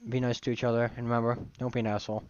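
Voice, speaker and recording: A man's voice: medium pitch, flat delivery, rapid-fire, a little mellow, slight background noise. A male streamer with a strained, tired voice, chatting loosely and swearing freely while signing off. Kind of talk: casual game stream chat. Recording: dull dry stream audio.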